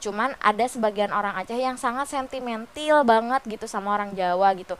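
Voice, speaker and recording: A woman's voice: on the high side, a little fast, fairly bright tone, smooth. A young woman from West Java, sick with a cold and sounding nasal, chatting casually to her followers from her bed. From West Java, Indonesia. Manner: chatty, peppered with fillers. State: sick with a stuffy nose. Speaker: vlogger. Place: bedroom, on a bed.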